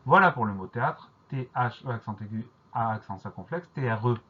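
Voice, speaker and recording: Husky man spelling out words slowly. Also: medium pitch, expressive. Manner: slow, careful letter-by-letter spelling. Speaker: teacher. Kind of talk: spelling lesson. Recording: dull lo-fi recording.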